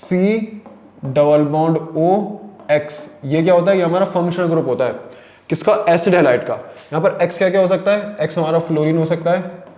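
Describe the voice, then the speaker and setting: A man's voice: a little high, normal speed, a little mellow, echoey room. A man teaching chemistry in a lecture, asking questions and answering them himself, repeating key terms and mixing English terms into his speech. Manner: mixes English terms into Hindi.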